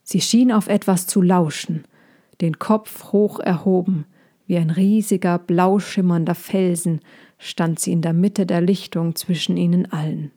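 Slow, calm woman reading a children's story. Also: on the low side.

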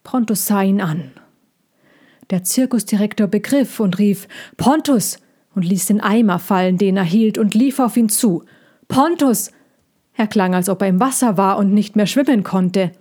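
Woman reading a storybook calmly. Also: mid-range voice, moderate pace. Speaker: narrator.

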